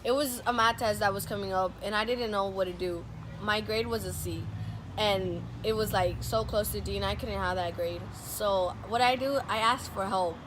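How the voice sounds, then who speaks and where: A woman's voice: mid-range voice, moderate pace. A young woman, a student, giving an informal, earnest personal speech in a conversational storytelling way. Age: teenage to young adult student. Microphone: distant microphone. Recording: distant mic, clearly noisy urban background.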